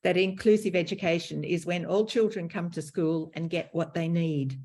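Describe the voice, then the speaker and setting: This is an Australian woman with a low-pitched voice, presenting to a conference audience. She explains her points in a measured and slightly formal way. The sound is a video-call microphone. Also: fairly even intonation, darkish tone, a little hiss or hum. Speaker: presenter, teacher educator.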